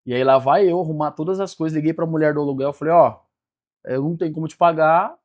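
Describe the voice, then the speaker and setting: A man's voice: on the high side, fast, lo-fi sound. A man, telling his life story as a podcast guest and acting out the dialogue. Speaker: guest, business mentor. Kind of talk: personal storytelling in a podcast interview.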